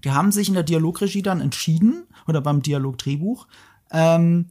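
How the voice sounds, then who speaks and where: A man hosting a podcast and chatting casually, animated and opinionated, with emphatic asides. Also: a little high, fairly quick. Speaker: podcast host. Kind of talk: casual discussion.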